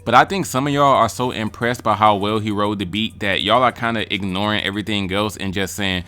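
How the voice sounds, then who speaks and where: Blunt, mocking man with a lowish voice. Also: a little fast, bright, forceful tone, faint music behind. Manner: blunt, profane and mocking, with frequent laughs. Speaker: music reaction vlogger. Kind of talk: casual ranking commentary.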